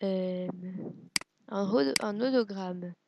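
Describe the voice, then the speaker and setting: A woman's voice: mid-range voice, takes it slowly, gravelly, dull audio, background noise. A woman giving casual gameplay commentary, hesitant and self-deprecating, musing aloud with lots of fillers. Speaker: let's play gamer.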